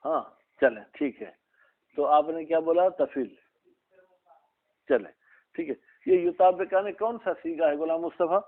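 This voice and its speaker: A man leads an Arabic grammar lesson, asking questions and calling on pupils by name. His voice sits somewhat high and moves at a slow, deliberate pace. The recording is tinny and narrow, like a phone line. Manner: drills students by name, slow and explanatory. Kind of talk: classroom lesson, questioning students.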